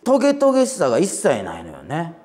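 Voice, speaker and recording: A man in his forties with a Kansai accent, a comedian hosting a talk show and telling a lively story with laughs. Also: fairly high pitch, brisk. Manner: animated, laughing anecdote-telling. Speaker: comedian host.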